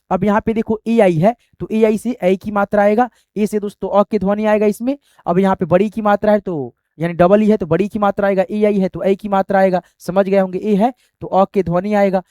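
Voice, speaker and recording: A man's voice: high-pitched, darkish tone, no room sound, clean studio sound. A man teaching a language lesson, repeating himself and often checking with "okay" and "friends".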